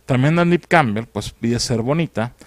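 A man's voice: mid-range voice, animated, normal speed, no room sound. A man with a Mexican accent giving a crude, mocking, slang-filled comedic film recap. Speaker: film critic.

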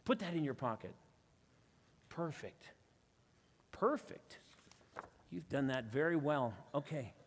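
This man's magic show patter, delivered at a moderate pace in a mid-range voice, is chatty and self-deprecating with playful asides as he works through stage illusions alongside a volunteer. The live church audience setting gives a big-room sound with slight background noise.

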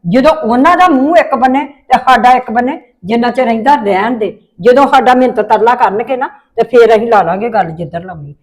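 A woman's voice: fairly high pitch, fairly quick, few pauses. A middle-aged woman with a Punjabi accent, acting a firm, scolding mother in a family drama.

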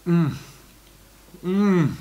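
Guy food vlogging with his mouth full, kinda high voice, soft guitar music behind. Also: expressive, extremely slow, highs cut off. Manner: enthusiastic, exclaiming while tasting. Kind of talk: food review vlog.

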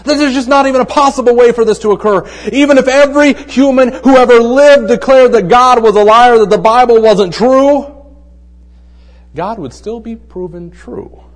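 High-voiced man preaching conversationally. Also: in a large hall. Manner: asks rhetorical questions and drops to a hushed voice for emphasis; tells jokes in a relaxed storytelling way. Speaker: pastor. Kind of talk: conversational sermon.

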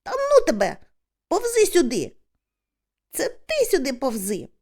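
A woman doing an excitable shouting village boy. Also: on the high side, moderate pace. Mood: indignant. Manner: shouting anxiously, indignant.

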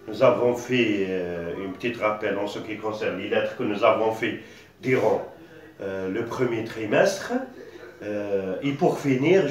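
A male teacher with an Algerian French accent giving a patient reading lesson, spelling out syllables with frequent hesitations. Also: mid-range voice. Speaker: primary school teacher. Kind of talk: slow classroom-style reading lesson. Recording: echoey room, distant dull mic.

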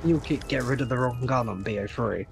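A man's voice: medium pitch, fast, gravelly, over loud music. A young man chatting and teasing friends during an online game session. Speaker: gamer. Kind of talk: casual gaming chat.

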